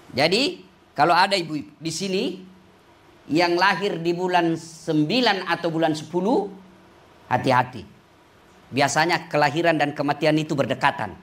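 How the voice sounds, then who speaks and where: A male Islamic preacher giving a humorous sermon to women, teasing and lively, with big swings in pitch.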